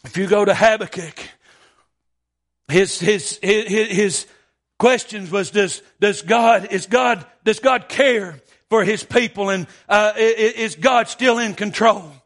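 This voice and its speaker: A preacher man with a very high, bright, ringing voice. He stammers through his sermon, filling every pause with "uh" and "amen". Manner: stammering, punctuated by frequent amens.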